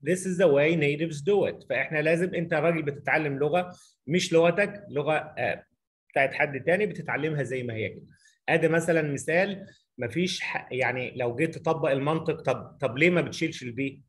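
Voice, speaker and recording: A man's voice: on the high side, fast talker. A middle-aged man with an Egyptian Arabic accent teaching English in a recorded lesson, asking rhetorical questions and spelling out examples as he writes them.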